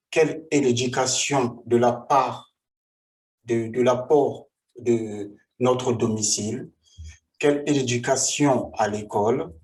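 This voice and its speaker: A man in his forties from the Republic of the Congo, speaking. He tells his own life story in a vlog, halting often and repeating himself. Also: medium pitch, darkish tone. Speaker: vlogger.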